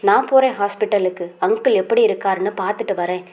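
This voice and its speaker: A caring young woman from a storybook, steady and supportive as she calms her friend, read by a woman narrator. Her tone is soft and reassuring. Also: mid-range voice, fast talker, close to an everyday voice. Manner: soothing, reassuring.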